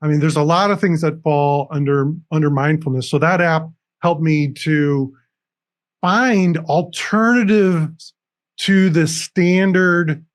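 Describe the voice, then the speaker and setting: A man speaking as a guest on an interview show, earnestly explaining things step by step with frequent restarts, over a video call. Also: on the high side. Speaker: recovery coach guest. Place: room with dragon decorations behind him.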